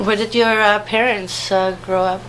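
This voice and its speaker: A woman with a middle-pitched voice interviews a guest for an oral history project. She asks her questions hesitantly, with fillers and pauses. A faint background noise runs under the recording. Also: fairly even intonation, fairly bright tone, rough recording.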